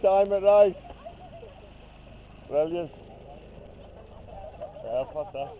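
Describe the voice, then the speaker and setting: A man chats and cheers his friends on outdoors while filming them, his voice sitting slightly high. It comes through thin old camcorder audio that sounds almost like a phone line. A faint hiss runs underneath. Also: extremely slow. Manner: cheery, encouraging. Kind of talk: casual home video chat.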